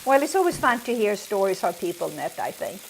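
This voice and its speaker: A woman with a Swedish accent, a mother from Sweden, chatting casually while cooking in her home kitchen and pausing with "uh" as she explains things. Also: medium pitch, big pitch swings, creaky, heavy background noise. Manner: explains customs plainly, fills pauses with "uh". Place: home kitchen with food frying.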